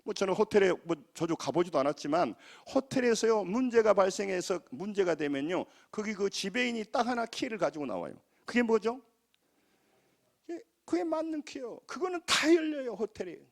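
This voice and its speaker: A man with a Jeolla accent preaches in a high, bright-pitched voice that swoops up and down with a lot of life. He talks in a folksy, emphatic way and has the congregation say lines back to him. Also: very animated, normal speed, gravelly. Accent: Jeolla Korean. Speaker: pastor. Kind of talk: sermon.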